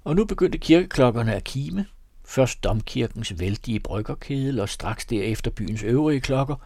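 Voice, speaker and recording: A man's voice: mid-range voice, animated, a little mellow, dry recording. Man reading an old tale, dry close sound. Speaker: reader. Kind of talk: storytelling reading.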